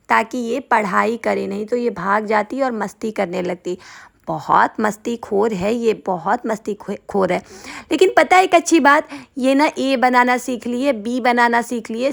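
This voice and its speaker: A woman's voice: fairly high pitch, gravelly. A woman teacher giving a chatty, fond voice-over narration for her vlog about the children she teaches.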